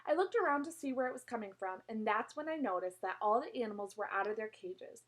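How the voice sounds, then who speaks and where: Animated woman reading a children's book. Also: on the high side, fast talker, poor audio. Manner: expressive, animated storytelling with small slips. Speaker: reader. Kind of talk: reading a children's novel aloud.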